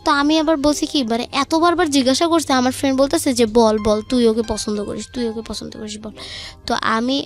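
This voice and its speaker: Speaking a little fast with a voice on the high side and fairly even intonation, this young Bangladeshi-accented woman talks over music. She is a guest recounting her own life, casually reporting who said what in sequence.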